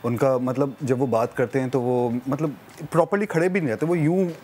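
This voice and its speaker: Male actor guest, mid pitch, earnest, halting. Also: a little mellow, a little hiss or hum. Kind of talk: casual studio interview.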